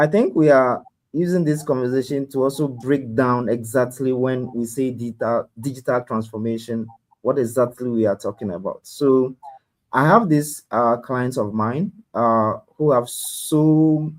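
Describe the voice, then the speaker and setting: A man's voice: mid-range voice, a little slow, poor audio. Earnest man explaining over a video call. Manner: earnest, repeats key points. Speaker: guest expert. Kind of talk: explaining to a host.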